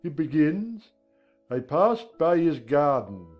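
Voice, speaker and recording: Guy doing an impatient gryphon, bossy, swoopy slow voice, lo-fi. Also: on the high side, sing-song, faint music behind, full character voice. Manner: impatient, bossy, drawn-out lines. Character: impatient, brusque male Gryphon beast. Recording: dull lo-fi sound.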